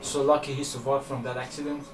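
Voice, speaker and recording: A young man from Afghanistan answering interview questions, halting and hesitant with many fillers, recorded in a small indoor room. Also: mid-range voice, flat delivery, slight background noise. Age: young adult. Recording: echoey room, from far off.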